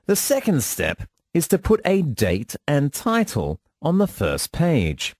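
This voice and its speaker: A man delivering a scripted instructional monologue in a measured, formal teaching manner. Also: fairly high pitch, wildly swooping pitch, a little mellow, no echo, clean studio sound. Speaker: lecturer.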